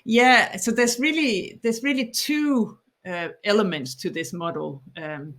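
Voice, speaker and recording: A bit slow, with a mid-range and slightly bright voice, the Danish-accented woman in her forties appears as a guest author in a podcast interview. She explains her thinking carefully, frequently restarting and repeating words.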